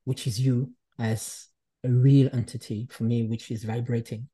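Swiss guy chatting slow n thoughtful, kinda dark mellow tone, lots of ums. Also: mid-range voice, flat delivery, breathy edge. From Switzerland. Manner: reflective, searching for words, speaks English as a second language. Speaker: guest artist. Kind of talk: casual conversation.

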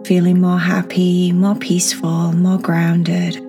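A woman guiding a children's meditation as a podcast host, speaking in a soft, soothing, breathy manner. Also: fairly low pitch, monotone, takes it slowly. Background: new-age music.

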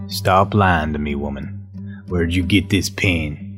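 A man voicing a violent, foul-mouthed frontier father who snarls threats and bursts into yells, over guitar music. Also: low-pitched, measured pace, voice pushed down. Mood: menacing.

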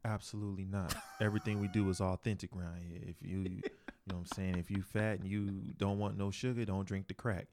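Deep-voiced laid-back chef guest. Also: male voice, level tone, darkish tone, a little hiss or hum. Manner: laid-back, joking, deliberate deep "radio voice". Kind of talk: casual podcast chat.

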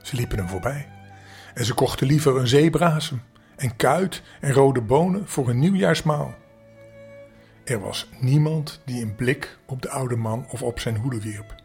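An older man, a grandfather, calmly reading a bedtime story aloud at an unhurried pace, with small slips along the way. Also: mid-range voice, husky, soft background music.

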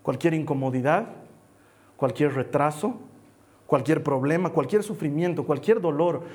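High-voiced male pastor preaching. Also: normal speed, darkish tone. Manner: conversational, asks listeners for assent; plays out a story with small acted quotes. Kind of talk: sermon.

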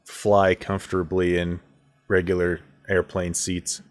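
A man's voice: low voice, monotone, measured pace. A man hosting a casual tech podcast, chatting loosely with his co-hosts over a call and wrapping up the show. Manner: laid-back, wraps up the show. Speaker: podcast host. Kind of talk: casual chat.

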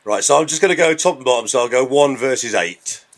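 A man's voice: medium pitch, animated, fast talker. A man co-hosting a podcast in casual, bantering chat. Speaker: podcast co-host.

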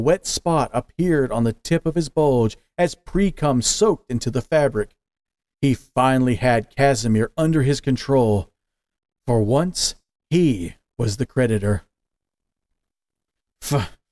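Man reading a story out really slow and steady, dry close sound, no room at all. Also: medium pitch, no echo. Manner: slow, measured, deliberate. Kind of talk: scripted narration of an audio story.

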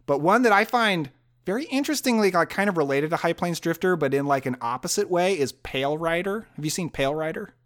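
A man hosting a podcast, chatting casually about movies in a relaxed, rambling way with many fillers. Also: fairly high pitch, fast. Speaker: podcast host. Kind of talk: casual film chat.

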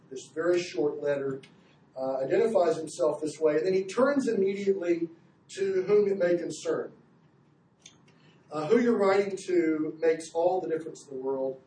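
A man's voice: high voice, darkish tone, a little hiss or hum. A male pastor preaching a conversational sermon to his congregation, with frequent filler words. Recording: roomy, voice from a distance, faint ambience.

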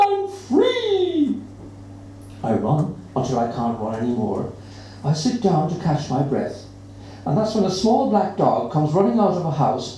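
A reader at a live event tells a children's story with a wildly swooping, dramatic delivery. The tone is mellow and dark. The voice comes from a distance in a very echoey room with faint noise behind. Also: medium pitch. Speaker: reader at an open mic. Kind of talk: reading a children's story aloud.

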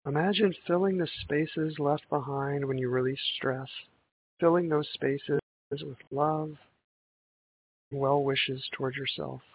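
A man guiding a breathing meditation in a calm, gentle, meditative tone, on a thin band-limited recording. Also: a little high, measured pace. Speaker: meditation guide. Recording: tinny band-limited audio with hiss.

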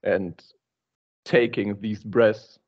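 Lower-voiced man heard over a dull, lo-fi call line, hesitant and halting, a class participant. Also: steady tone, husky. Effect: voice over a breaking-up online call line. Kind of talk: casual question in a group call.

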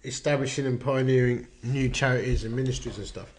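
A man's voice: mid-range voice, steady tone, a little fast, low-quality recording. A man with an Essex accent hosting a casual podcast with a blokey, bantering manner. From Essex, England. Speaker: podcast host. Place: echoey open-plan kitchen lounge at home.

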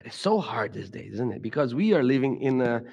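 A middle-aged Brazilian man with a Brazilian Portuguese accent gives a reflective talk at a church gathering, often tripping over repeated words and restarts. His mid-range voice swings widely in pitch and moves fairly quickly, gravelly, slightly mellow and breathy. The lo-fi recording carries a long hall reverb.

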